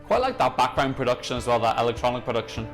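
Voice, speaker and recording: A man's voice: mid-range voice, sing-song, fast. A young man hosting a music reaction channel, chatting enthusiastically and gushing in casual analysis. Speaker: Eurovision reaction channel host.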